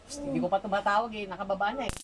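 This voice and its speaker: A woman's voice: medium pitch, very fast, very noisy. A woman folk healer interrogating a spirit during an exorcism, insistently repeating short questions.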